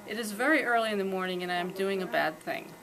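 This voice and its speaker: A woman reading her own first-person fiction aloud at a live reading, with calm, steady storytelling. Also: medium pitch, quick pace, rough recording.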